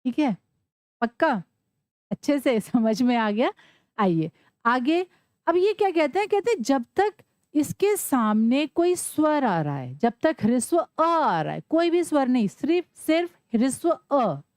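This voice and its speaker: A woman's voice: high-pitched, sing-song, measured pace, darkish tone, no room sound, studio quality. A woman teaching Sanskrit grammar, asking questions and answering them herself. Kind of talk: classroom lesson explanation.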